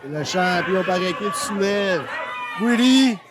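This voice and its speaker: A man with a Quebec French accent calling a live wrestling match as an excitable, playful play-by-play commentator. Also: sits high, slow. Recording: noisy live event with loud crowd. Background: crowd noise.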